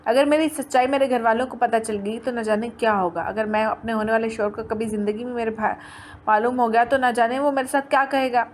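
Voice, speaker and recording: A woman reading a first-person story aloud in a plain, steady way, with small restarts. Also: on the high side, a little hiss or hum.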